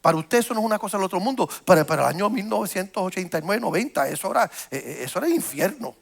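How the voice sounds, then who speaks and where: A man preaching from the pulpit, his voice high and gravelly as he tells a long personal story. He stumbles over repeated words and restarts, and he grows more animated as the story builds. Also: rapid-fire. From United States. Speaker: pastor. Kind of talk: sermon.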